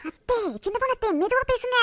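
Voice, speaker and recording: Woman plays cartoon elder sister, Tirunelveli Tamil, shrill and quick. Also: expressive, no room sound, heavily acted. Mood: hushed. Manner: chattering, teasing, hushed whispering. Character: bossy excitable young girl, elder sister. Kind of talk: cartoon voice acting.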